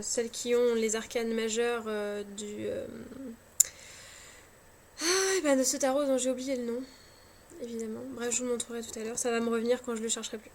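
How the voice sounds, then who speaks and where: A cartomancy vlogger with a high voice chats casually at home while showing her card decks, sounding a little tired. Her speech is full of hesitant fillers and restarts, and she gently pokes fun at herself. A faint scratching noise runs beneath her voice on the camera mic.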